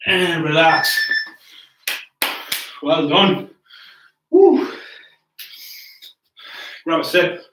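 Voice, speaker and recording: A man's voice: a little high, normal speed, pauses often, noisy background. A man coaching a home workout, cheerfully counting down and cueing each move while getting out of breath. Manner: upbeat, encouraging, counts down and cues moves while exercising. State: breathing hard between moves. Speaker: fitness coach. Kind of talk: live home workout instruction. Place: warm room at home, indoors. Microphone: laptop camera from across the room. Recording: roomy echo from a distant mic.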